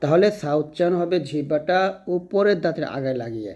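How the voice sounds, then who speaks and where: A patient male teacher with a slightly high voice. He talks through how each sound is made, step by step. He says every sound again, slowly and clearly. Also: animated, warm tone, lo-fi sound. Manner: patient, repeats each letter slowly for learners to follow. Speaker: Quran recitation teacher. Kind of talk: step-by-step pronunciation lesson.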